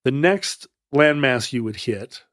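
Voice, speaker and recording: A man's voice: medium pitch, animated, slow pace, a bit bright, no echo, clean studio sound. A man co-hosting a podcast, telling a history story in a casual, playful way with joking asides. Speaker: podcast co-host.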